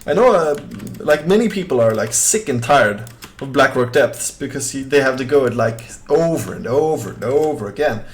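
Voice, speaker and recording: Casual gaming chat from a young man from southern Sweden with a Swedish accent: he plays, reads chat, and rambles easily, with frequent fillers and restarts. He speaks in an expressive, mid-range voice at a moderate pace.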